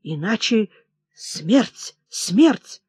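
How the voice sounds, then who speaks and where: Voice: mid-range voice, big pitch swings, extremely slow, a little mellow, husky, dry recording, clean studio sound, heavily acted. A reader doing an agitated, feverish young king. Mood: commanding. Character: troubled, erratic young male king. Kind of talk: audiobook character reading.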